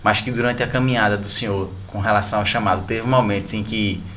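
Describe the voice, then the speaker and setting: A man's voice: on the low side, steady tone, fast, a bit bright, a little hiss or hum. A man co-hosting a church podcast, asking a guest a thoughtful question in a conversational tone. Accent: Brazilian Portuguese.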